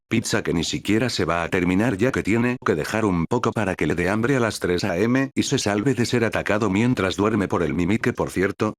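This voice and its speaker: A man with a low-pitched voice narrates a scripted video about making a game. His delivery is casual and slangy, with tongue-in-cheek comedy throughout.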